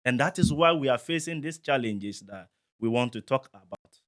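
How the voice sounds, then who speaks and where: A man from Ghana, a parent and guest, explaining calmly with examples in a discussion. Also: medium pitch, normal speed.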